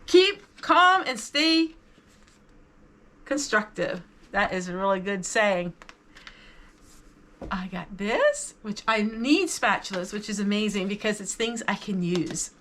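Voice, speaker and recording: A woman vlog host chats casually with viewers in a haul video, showing off items with enthusiasm and appreciation. Her medium-pitched voice is animated, bright, and pushed, and she speaks at a slow pace.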